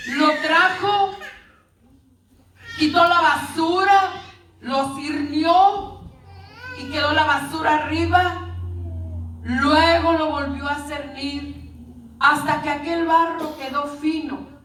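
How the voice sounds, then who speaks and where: A woman preacher tells a parable to her congregation, calling them brothers and sisters. Her voice is high and unhurried. It is picked up from afar in a roomy, echoing space. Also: steady tone, fairly bright tone, a little hiss or hum. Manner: storytelling, addressing the congregation as brothers. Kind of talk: sermon. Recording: echoey room, distant mic.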